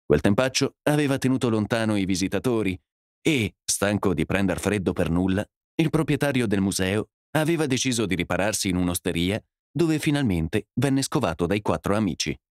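A man narrating a classic story as an audiobook, in an expressive, measured reading. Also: fairly low pitch, no room sound, clean studio sound.

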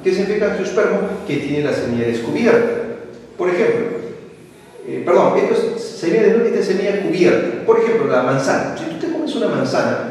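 A man's voice: high-pitched, a little fast. Echoey Peruvian man teaching biology. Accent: Peruvian Spanish. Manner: lively, asks questions and answers them himself, mixes in English words. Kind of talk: online pre-university biology lesson. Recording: very echoey hall, voice from a distance.

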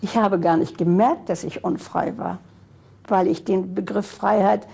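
A woman's voice: medium pitch, fairly even intonation, unhurried, creaky, warm tone, breathy edge. An older woman giving a reflective eyewitness recollection in an interview. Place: dark indoor interview studio.

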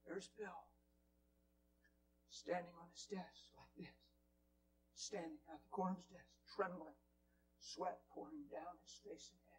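Man, preacher, high voice, storytelling sermon, whispers and exclaims, faint hum. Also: a little slow, long pauses. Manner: animated storyteller, swings from hushed whispers to loud exclaims. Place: church hall.

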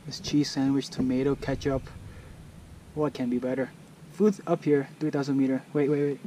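A young man talking excitedly to his viewers in a casual vlog from a mountain summit outdoors, repeating himself as he points things out. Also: medium pitch, moderate pace, a little hiss or hum. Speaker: vlogger.

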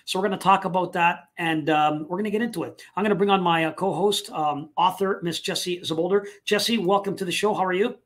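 A man hosting a live online talk show, speaking casually with many fillers and pauses. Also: high-pitched, fairly bright tone. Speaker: host.

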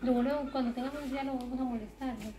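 A woman's voice: high voice, fairly even intonation, fast. A young woman, chatting casually as a mother about her baby, full of diminutives. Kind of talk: casual chat. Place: small bedroom, indoors. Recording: noisy room recording.

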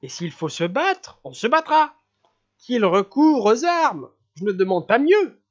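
An audiobook reader voicing a giddy young male prince who rambles, laughs and stumbles over words in excitement. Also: medium pitch, slow pace, muffled recording, pitched above the performer's own voice. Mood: giddy, excited.

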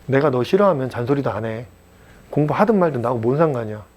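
A man teaching a math class at a cram school, blunt and chatty, joking and mock-scolding his students and checking in with quick questions. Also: medium pitch, lively intonation, a little mellow. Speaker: math tutor.

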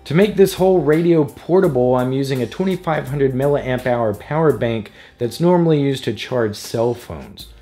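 Over background music, a male host talks through a scripted how-to tutorial, sounding casual and explanatory. His voice is medium in pitch and mellow, with a moderate pace and few pauses.

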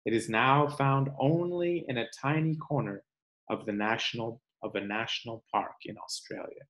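A man in his thirties, his medium-pitched voice a bit bright, reads a picture book aloud to his third-grade class. He speaks in a measured, clear way, recorded on a webcam in a room at home.

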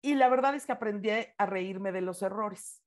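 A woman's voice: medium pitch, normal speed. Emphatic, encouraging woman. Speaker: book club host and speaker. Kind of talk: casual online club talk.

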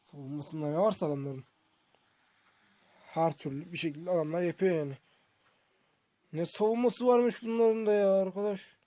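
Guy streamer chatting casually through a football game, highish voice, dry close sound. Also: moderate pace, long pauses, mellow, dry recording. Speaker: gaming streamer. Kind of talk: casual game commentary to viewers.

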